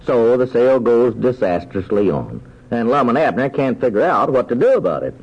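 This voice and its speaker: A man's voice: medium pitch, big pitch swings, moderate pace, breathy edge. A folksy old-radio country man. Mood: friendly. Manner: folksy, easygoing. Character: friendly small-town country man recapping news. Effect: old radio broadcast sound. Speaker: folksy radio drama narrator. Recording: muffled vintage radio broadcast.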